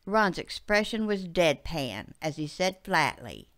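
A woman narrating a literary short story in a measured, expressive way. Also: fairly low pitch. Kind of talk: audiobook narration.

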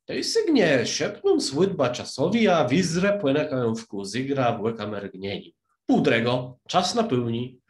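A man doing a rambling, excitable hatter from a storybook, raised voice that leaps up and down in pitch. The reading has a roomy echo and an unhurried pace. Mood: lecturing. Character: rambling, time-obsessed eccentric hatter.

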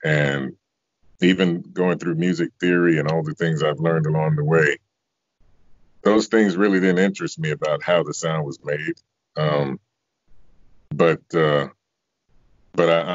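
Over a dull, lo-fi video call from an indoor room, a singer and voice actor in his fifties reflects on interview questions in a relaxed, conversational manner. His pitch is extremely low, his pace moderate, and there's no room sound.

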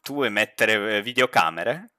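A streamer with a smooth, sharp, mid-range voice and lively intonation talks at a measured pace while playing a horror game with a friend. The commentary is chatty and jokey, with banter toward the teammate and frequent laughter. The recording is dry and clean, studio quality.

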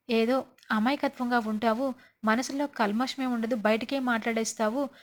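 A woman casually recapping a TV serial episode, acting out the characters' lines as she goes. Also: fairly high pitch. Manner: lively, acts out characters' lines.

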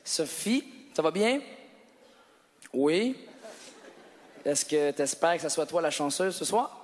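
A man's voice: on the high side, very animated, takes it slowly. A man doing stand-up, bantering playfully with couples in the audience. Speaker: stand-up comedian. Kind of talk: stand-up crowd work. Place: large theatre stage with live audience. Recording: live hall with audience, long reverb.

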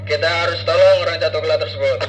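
A man's voice: a little high, fast talker. Crew man over a marine radio. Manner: clipped radio-procedure reports. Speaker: crew member in a ship fire drill. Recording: echoey, with steady hum and noise.

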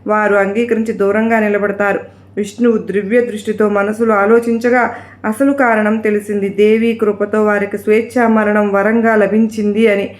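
A woman's voice: mid-range voice, little pitch movement, normal speed. A woman telling a devotional story, reading along with frequent restarts, recorded in an echoey room.

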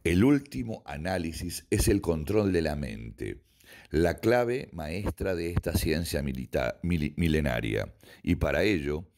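A man, a karate instructor, reading a written text aloud in a measured, deliberate way, sometimes correcting his own slips. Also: low-pitched, animated, darkish tone.

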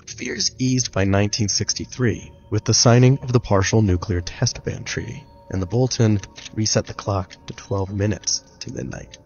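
A man reading a scripted narration in a measured, even way. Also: on the low side, vocal fry. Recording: dull lo-fi clip with faint music.

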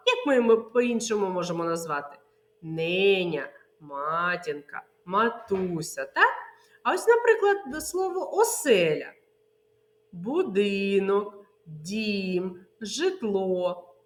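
Woman kindergarten teacher, lively higher voice, slow and sing-song, echoey room. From Ukraine. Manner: sing-song, drawn-out words, answers her own questions. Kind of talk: online preschool literacy lesson.

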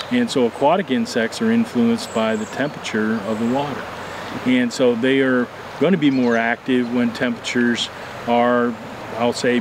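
An older man in his sixties, an insect expert and fly fishing instructor, answering interview questions outdoors by a stream in a measured, explanatory way with many fillers. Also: mid-range voice, noisy background.

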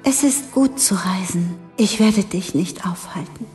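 A proud, tender flower, played by a woman, speaks in a hushed, half-whispered storybook voice. Her tone is mellow and gentle, and her pace is slow and wistful. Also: medium pitch, soft background music, close to an everyday voice. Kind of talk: storybook reading.

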